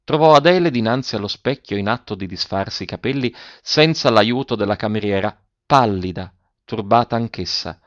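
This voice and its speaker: A man narrating a novel as an audiobook, reading in a measured, expressive way. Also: fairly low pitch, no echo. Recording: dull lo-fi audiobook recording.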